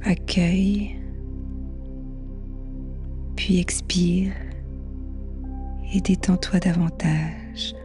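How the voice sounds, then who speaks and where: Slow, breathy woman guiding a meditation. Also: on the low side, fairly even intonation. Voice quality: soft, breathy, half-whispered. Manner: slow, hushed, soothing delivery with long pauses. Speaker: guided meditation leader. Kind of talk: guided meditation narration. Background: new-age music.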